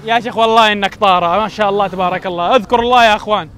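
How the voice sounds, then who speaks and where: Gulf Arabic man cheering and teasing drivers outdoors, very high voice, rapid delivery. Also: steady tone, fairly bright tone, a little hiss or hum. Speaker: channel host filming from the crowd. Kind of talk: excited live commentary on off-road driving. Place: outdoors at sand dunes.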